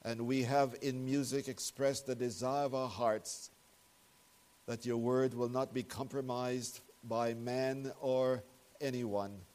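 A man leading a prayer and preaching a sermon at a pulpit microphone in a church, speaking in a measured, earnest way with solemn emphasis. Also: medium pitch, steady tone, a little mellow. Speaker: pastor. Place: church sanctuary.

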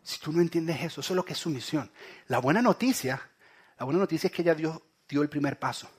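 A man preaching a sermon, swinging from loud calls to hushed, low lines. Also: fast talker, slightly rough. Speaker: pastor.

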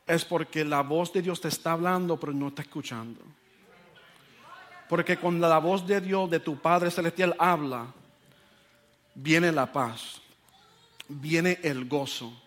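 A man preaching a sermon, telling a personal story with animated delivery and dropping into English phrases. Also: on the high side. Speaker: pastor.

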